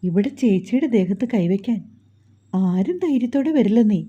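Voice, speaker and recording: A woman's voice: mid-range voice, animated, moderate pace, dark tone, breathy edge. A woman voicing a cheerful, teasing young man in a storybook reading, easygoing and reassuring, on a dull lo-fi recording. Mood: teasing reassurance.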